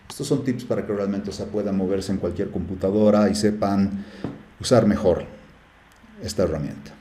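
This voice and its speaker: A man's voice: fairly low pitch, warm tone, roomy sound, a little hiss or hum. A man teaching a live class, chatty, with many fillers and often checking in with the students. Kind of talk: live class screen-share tutorial.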